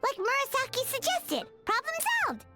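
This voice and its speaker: A woman voicing a tiny, excitable female companion who speaks of herself in the third person, in a game. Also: very high voice, moderate pace. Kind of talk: game voice acting. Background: soft game music.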